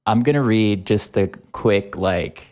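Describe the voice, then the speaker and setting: A man hosting a podcast discussion, thoughtful and measured as he guides the conversation with questions. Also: lowish voice, darkish tone. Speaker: podcast host.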